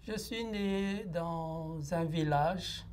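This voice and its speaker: A Lao-man in his sixties gives a reflective testimony in an interview. His voice is mellow and his delivery slow and hesitant, full of pauses and filler sounds. Faint noise sits behind him. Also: a little high. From Laos. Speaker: interviewee giving a personal testimony.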